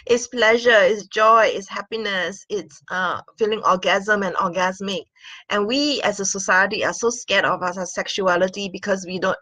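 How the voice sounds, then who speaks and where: Filmed in a small room, this Singaporean woman in her 40s works as a sex and intimacy coach and talks sincerely to the webcam in a relaxed vlog style, full of filler words and small laughs. She has a medium-pitched, sharp-toned voice, recorded dry.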